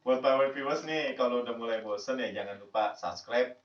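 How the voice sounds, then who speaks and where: A man co-hosting a casual football chat, relaxed and plugging the channel. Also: medium pitch, fairly quick. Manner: relaxed, wraps up with viewer plugs. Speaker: co-host. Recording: echoey dull room, distant mic.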